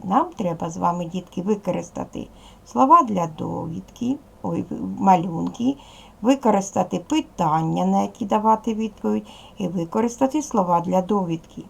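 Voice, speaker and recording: A middle-aged woman teaches young children in a recorded video lesson, speaking in patient, clear steps. Her voice carries a gravelly fry, and her pitch sits at an ordinary middle height. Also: a little mellow. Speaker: primary school teacher.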